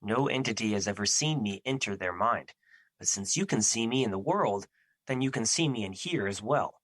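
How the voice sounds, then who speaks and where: An actor in an audio drama playing Fear personified, a solemn, protective immortal who speaks formally and earnestly, full of remorse. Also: male voice, on the low side, expressive, normal speed, fairly bright tone, no echo, low-quality recording. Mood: calm, reassuring. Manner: formal, stilted, earnest phrasing without contractions.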